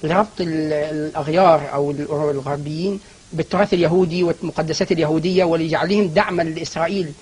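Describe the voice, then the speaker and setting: A man's voice: fairly high pitch, steady tone, fast talker, darkish tone, breathy edge. A man as a guest scholar in a studio TV interview, explaining at length with frequent restarts and fillers.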